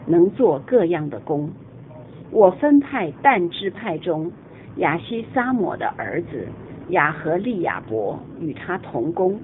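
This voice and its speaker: A woman reading a Bible chapter aloud in a measured, solemn way. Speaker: scripture reader. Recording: tinny phone-like audio with faint rumble.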